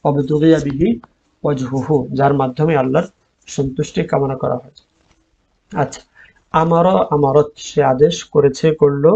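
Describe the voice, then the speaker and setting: A man with a Bangladeshi Bengali accent teaching an online Arabic class, drilling word forms slowly and repeating them. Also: on the high side, steady tone, gravelly, dark tone, husky, highs cut off.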